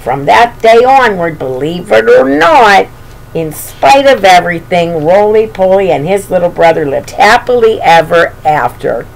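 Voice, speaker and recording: In a small bedroom, an older woman reads a storybook to young children and talks to them fondly, her lowish voice unhurried, with lively intonation and vocal fry. A webcam about an arm's length away captures it in a noisy home recording.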